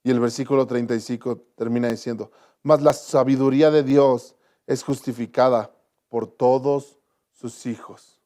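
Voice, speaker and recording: A man's voice: mid-range voice, fairly even intonation, normal speed, dark tone. A man preaching a sermon as pastor in a church, earnest and repetitive, often restarting his phrases.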